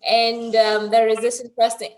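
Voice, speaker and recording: Presenting and interviewing on her online TV show, a woman anchors in an effusive, announcer-style manner. Her voice is a little high and her delivery completely flat, at a moderate pace.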